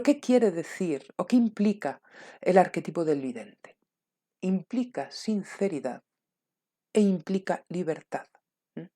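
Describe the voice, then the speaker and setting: A woman giving a calm spiritual talk, softly checking in with her listeners and sometimes dropping to a near whisper. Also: low-pitched. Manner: calm, soft-spoken, checks in often with "¿m?" and "¿vale?". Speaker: spiritual teacher.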